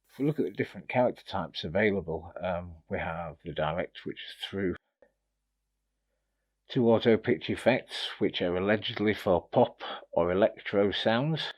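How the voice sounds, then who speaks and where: In dull-sounding audio, a low-pitched man gives an informal product review. He's a gear reviewer demoing the item, a bit hesitant as he goes over features and tips.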